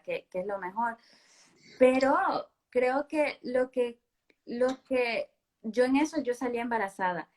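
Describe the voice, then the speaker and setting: A woman from Honduras in her thirties, a guest in a conversational interview, who talks emphatically and repeats words for stress. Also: on the high side.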